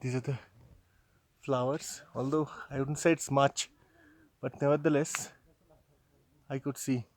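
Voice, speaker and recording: Male travel vlogger, mid pitch, casual walk-and-talk on a mountain trail, phone-recorded outdoors. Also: flat delivery, a little slow, long pauses, no room sound. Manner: chatty, thinking aloud while hiking. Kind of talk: casual walking commentary. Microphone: handheld phone camera.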